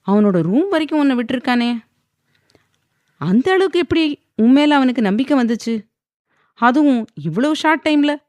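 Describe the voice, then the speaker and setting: A woman's voice: sits high, lively intonation, a little mellow, no room sound, voice pushed up. A woman voicing an anxious middle-aged father who fires question after question at his daughter. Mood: probing. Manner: rapid string of questions.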